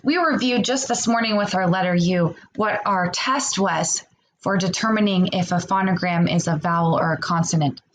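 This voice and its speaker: A woman teaching a remote phonics lesson to young children, enunciating deliberately, sounding out word parts separately and prompting with encouraging questions. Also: on the low side, a little hiss or hum, low-quality recording.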